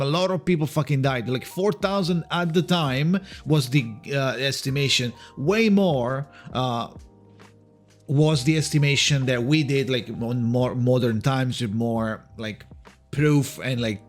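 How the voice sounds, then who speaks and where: A man's voice: mid-range voice, a little slow, faint music behind. A man giving casual, speculative video commentary, rambling and hesitant, repeating words and swearing lightly. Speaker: video creator giving game news.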